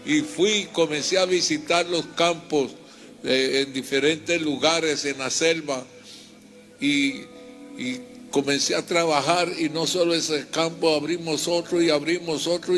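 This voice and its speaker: A man's voice: fairly high pitch, gravelly, fairly bright tone. An older man, a reverend, giving a fervent personal testimony and retelling his story in repetitive, heartfelt bursts.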